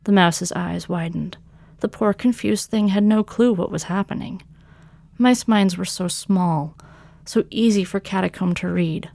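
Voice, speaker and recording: A woman, the author and narrator of a fiction podcast, reading her own story in a measured way that slows for dramatic lines. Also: lowish voice, gravelly, a little mellow, dry recording.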